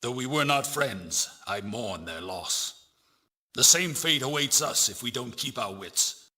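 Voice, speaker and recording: A man playing a solemn, authoritative fleet admiral in a video game, giving formal and deliberate briefings. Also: mid-range voice, lively intonation, sharp tone, breathy edge, exaggerated voice. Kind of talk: dramatic video game voice acting.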